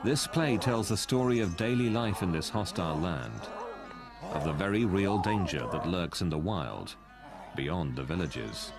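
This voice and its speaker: Male nature documentary narrator, low voice, animated range, dramatic measured delivery, music underneath.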